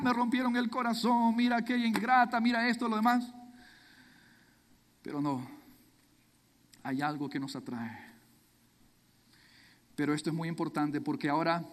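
A man's voice: high-pitched, big-room sound. A man, a youth pastor, preaching a sermon with dramatic storytelling.

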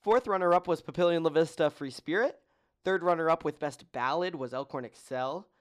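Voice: medium pitch, a little fast. A podcast host in casual chat, joking and running through long lists of results with many ums.

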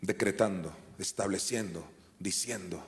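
A man preaching a sermon, swinging from shouted commands down to quiet, low asides. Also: a little slow. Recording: long hall reverb.

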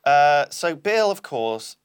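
A man's voice: a little high, sing-song, slow, clean tone. A man hosting a quiz chat, hesitant, with frequent fillers and restarts. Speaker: quiz host. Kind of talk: casual comedic chat.

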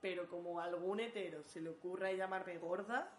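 A woman's voice: lowish voice, a little fast, slight background noise. A woman hosting a podcast, blunt and joking in casual chat. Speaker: podcast host. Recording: roomy room with faint music.

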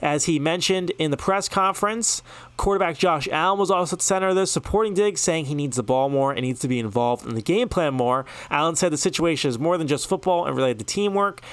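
A man's voice: a little high, quick pace, smooth, no echo. Chatty young-sounding man hosting a sports podcast. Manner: chatty, loose delivery with many ums and self-asides. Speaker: podcast host. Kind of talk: solo sports news podcast.

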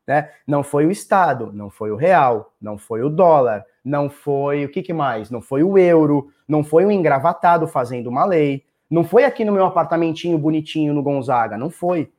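A chatty Brazilian man runs a casual live stream, talking straight to his viewers and firing questions at them. His voice sits a little high for a man, and he livens it up with playful sound words. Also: lively intonation, a little fast, few pauses, darkish tone. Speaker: crypto market live-stream host.

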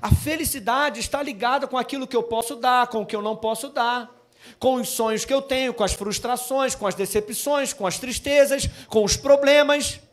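Young male pastor, high-pitched, conversational storyteller who builds to fervent emphatic preaching. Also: moderate pace. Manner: builds from chatty asides to loud emphatic preaching; addresses congregation as brothers. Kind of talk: Christmas sermon. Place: church.

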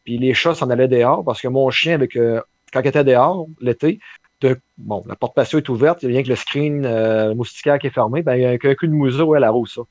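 A man's voice: mid-range voice, fast, darkish tone, dry recording, highs cut off. A man with a Quebec French accent chatting casually on a podcast, hesitant and full of fillers. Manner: hesitant, many fillers and restarts. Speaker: podcast co-host. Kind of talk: casual conversation.

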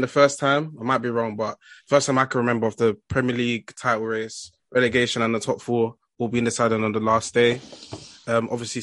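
A man's voice: mid-range voice, fairly bright tone, dry recording. A young man with an urban London roadman accent hosting a football podcast in casual, slangy chat. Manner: slangy street talk.

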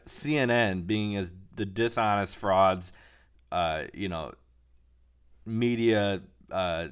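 Male commentator, slightly low voice, talking off the cuff with sarcastic jabs and frequent ums. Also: a bit bright, clear, resonant tone. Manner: sarcastic, mocking, halting with many fillers. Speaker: political commentator. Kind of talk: casual monologue commentary.

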